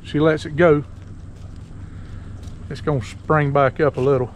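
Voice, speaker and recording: A man with a slightly high voice and a rural South Georgia accent talks casually to his viewers. He has the folksy, unhurried, joking manner of a porch sitter spinning stories. There is faint outdoor noise from the boat and river around him. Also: fairly even intonation. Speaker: host of an outdoor fishing and camping vlog. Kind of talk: casual chat to camera.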